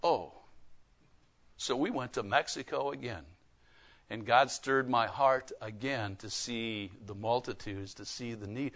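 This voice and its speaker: Probably middle-aged, this man is a preacher and missionary delivering a sermon full of personal anecdotes. His voice is medium-pitched and fairly bright, with a measured pace, and his preaching is folksy and emphatic, with stories from his own life and rhetorical questions.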